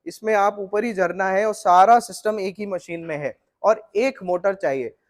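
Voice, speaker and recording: A middle-aged man with a fairly high voice walks through flour mill machinery for the viewer. He explains each part in a steady, technical way. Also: normal speed. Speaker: flour mill equipment seller. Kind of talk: explanatory product walkthrough.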